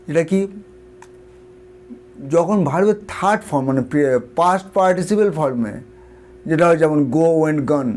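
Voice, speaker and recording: A man's voice: fairly high pitch, mellow. A man with a Bengali accent teaching an English spelling lesson, spelling words out letter by letter and asking and answering his own questions. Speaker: English tutor. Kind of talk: explanatory lesson.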